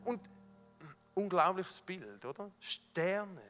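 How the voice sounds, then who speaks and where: A middle-aged man with a Swiss German accent preaching a sermon, telling a story with fervour, dropping from loud to hushed. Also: high-pitched, expressive, slow pace. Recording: long hall reverb with faint music.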